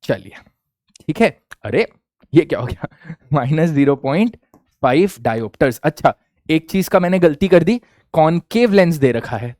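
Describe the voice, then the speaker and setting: Young indian guy teaching physics, slightly high voice, dry close sound, keeps asking the kids if it's clear. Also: dry recording. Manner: energetic, addresses students as kids, asks frequent check questions. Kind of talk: Hindi-English classroom lecture.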